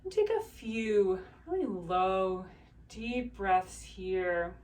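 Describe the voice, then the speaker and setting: A woman voice teacher calmly guiding a breathing exercise and body scan, in slow, soothing instructions. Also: mid-range voice, recorded from a distance.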